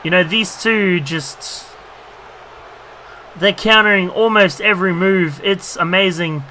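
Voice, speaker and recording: On poor audio with a faint hiss, a gaming YouTuber slowly calls a wrestling game match. His very bright, fairly high voice is strained because he's losing it, yet he still rambles with many "you know"s and erupts with excitement whenever a big move lands.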